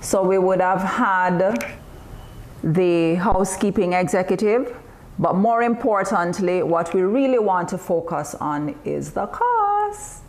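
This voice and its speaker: A woman presenting a training webinar, explaining course costs in a measured, upbeat way. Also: mid-range voice, animated, darkish tone. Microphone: video call.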